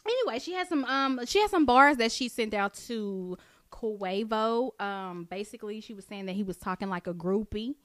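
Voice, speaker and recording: Woman co-host, fairly high voice, blunt and slangy, casual chat, dry close mic. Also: lively intonation, normal speed, no echo. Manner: blunt, slangy, laughing often. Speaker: podcast co-host.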